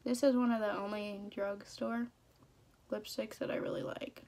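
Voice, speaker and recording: A woman's voice: medium pitch, steady tone, normal speed, darkish tone. A young woman chatting casually through a makeup tutorial in a playful, slangy way. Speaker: beauty vlogger.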